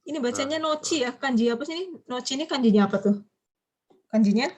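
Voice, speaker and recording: A woman teaching business Japanese on a video call, with a voice pitched a little high. She explains patiently, mixes Japanese phrases into her explanations and stops often to quiz her students. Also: fast, darkish tone, muffled recording, a little hiss or hum. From Indonesia. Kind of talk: online class lecture.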